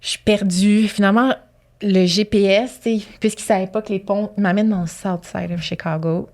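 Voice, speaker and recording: A woman in her thirties with a Québécois French accent, a colorectal surgeon, tells chatty stories as a guest in a casual interview and laughs often. Her voice is medium-pitched and darkish in tone, with fairly even intonation and a moderate pace.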